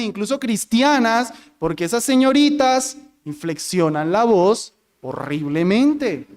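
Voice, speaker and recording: High-voiced male pastor preaching. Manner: demonstrates voice inflections, talks with the congregation. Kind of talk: sermon teaching.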